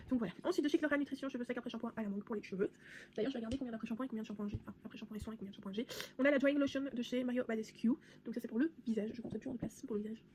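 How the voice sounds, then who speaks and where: Young woman vlogger, fast-talking and chatty, faint room noise behind. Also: fairly high pitch, darkish tone. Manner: chatty, rambling, many fillers and restarts. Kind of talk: casual product haul vlog.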